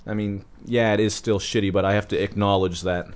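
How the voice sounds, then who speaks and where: A man's voice: fairly low pitch, fairly even intonation, brisk, clean tone. A young man ranting crudely about a movie in a casual chat with friends.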